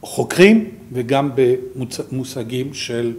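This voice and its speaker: A man with a French accent gives an informal slide presentation as a programme director, haltingly searching for his words. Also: medium pitch, lively intonation, darkish tone.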